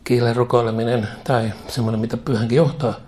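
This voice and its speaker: A man's voice: mid-range voice, little pitch movement, darkish tone, a little hiss or hum. A man preaching a sermon, leading a spoken prayer that he repeats line by line, with fervent delivery and casual asides.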